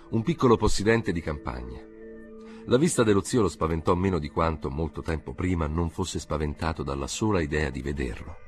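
Deep-voiced man narrating a literary audiobook. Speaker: audiobook reader. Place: recording studio.

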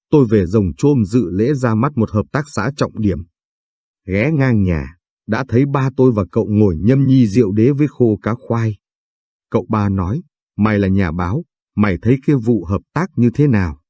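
A man reading literary short stories aloud in a slow, measured narration style. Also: lowish voice, dark tone, slightly rough, no echo, studio quality. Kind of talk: scripted story narration.

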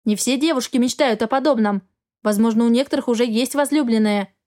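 A woman voicing a young heroine who is sharp-tongued and exasperated, with sarcastic retorts. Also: a little high, fairly quick, natural voice.

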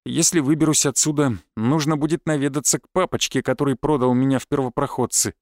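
A man narrating an audiobook in a measured first-person storytelling manner. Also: medium pitch, steady tone, darkish tone, no room sound, clean studio sound. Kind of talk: scripted narration.

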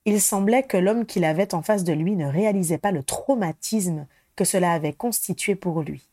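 A woman reading a storybook aloud in an even, measured way. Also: on the low side, breathy edge, dry recording, studio quality. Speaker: audiobook reader. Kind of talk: storybook narration.

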